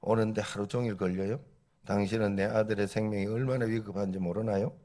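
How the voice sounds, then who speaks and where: A man retelling a sermon story who voices an angry, impatient father demanding answers from a doctor, in a lowish voice. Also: fairly even intonation, fairly quick, dark tone, natural voice. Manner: accusing, demanding. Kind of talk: sermon illustration.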